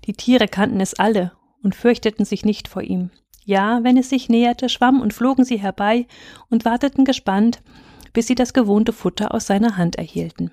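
A woman reading a fairy tale aloud in calm, measured scripted narration. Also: a little high, no room sound, studio quality. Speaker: reader.

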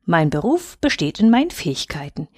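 A woman's voice: very animated, a little fast, a little mellow, slightly rough, no room sound, clean studio sound. A woman voicing a tiny, proud young male bunny who speaks in prim, polite phrases in a storybook reading. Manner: prim, well-mannered, raised pitch.

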